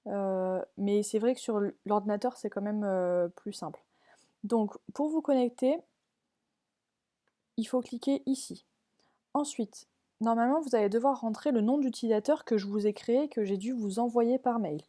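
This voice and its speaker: A woman's voice: a little high, moderate pace, dark tone. A woman primary school teacher walking parents and pupils through a learning app on screen, step by step, patiently checking that they follow.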